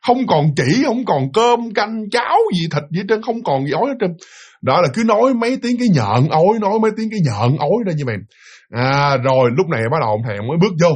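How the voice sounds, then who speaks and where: A storyteller with a Southern Vietnamese accent spins a spooky tale for an audience, speaking quickly and animatedly in a husky voice with big, wide pitch swings. He repeats words for effect and keeps addressing his listeners directly.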